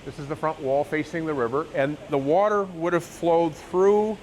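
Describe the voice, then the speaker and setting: A man with a fairly high voice acts as a tour guide, explaining things informally and a bit haltingly. He is recorded on location underground, with faint background noise. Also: steady tone, a little mellow, poor audio. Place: inside an old mill and underground water tunnel.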